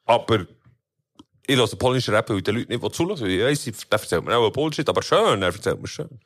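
A man's voice: medium pitch, sing-song, fast. A man with a Swiss German accent talking reflectively and with dry humor as a podcast co-host. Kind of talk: casual chat.

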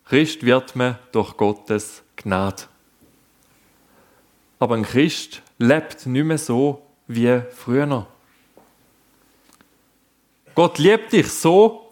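A man preaching a sermon, speaking earnestly and addressing the listeners directly. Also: a little high.

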